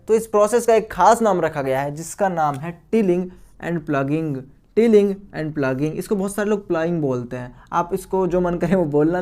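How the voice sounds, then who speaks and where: A man's voice: sits high, darkish tone. A man giving a recorded science lecture to school students. He keeps asking questions and answering them himself, and repeats the key terms. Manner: addresses students as friends and guys. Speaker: science teacher.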